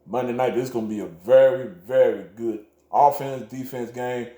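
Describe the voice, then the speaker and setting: Easygoing man, mid-pitched, echoey room. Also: fairly even intonation, moderate pace, mellow. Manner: easygoing, repeats "man", laughs at his own picks. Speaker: co-host making game picks. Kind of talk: casual sports chat.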